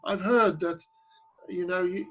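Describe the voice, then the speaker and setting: A man's voice: sits high, steady tone, a little slow, lo-fi sound. A man interviewing a business owner, stammering and repeating words as he works out his questions.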